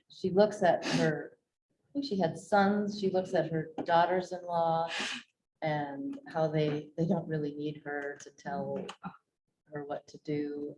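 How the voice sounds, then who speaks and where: Mellow, halting woman leading a discussion. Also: low-pitched. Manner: halting, searching for words. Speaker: book club discussion leader. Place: indoor room at a book club meeting. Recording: dull recording with faint noise.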